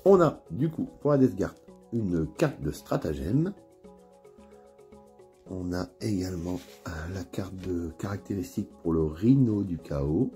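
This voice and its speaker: A man with a northern French accent chatting casually through an unboxing video, with plenty of hesitations and fillers. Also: sits low. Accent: northern French (Ch'ti). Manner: relaxed, chatty, many fillers and pauses. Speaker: miniatures hobby YouTuber. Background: faint background music.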